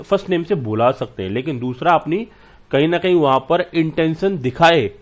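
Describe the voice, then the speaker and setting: Fatherly male teacher, slightly high voice. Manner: talks to students fondly and checks they follow; explains with everyday examples and acted-out lines. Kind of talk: classroom lecture.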